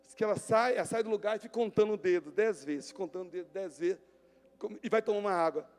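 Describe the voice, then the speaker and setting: High-voiced emphatic male preacher. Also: quick pace. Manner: emphatic, swinging from shouts to hushed tones. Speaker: pastor. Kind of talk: sermon. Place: church hall. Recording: long church-hall reverb with music behind.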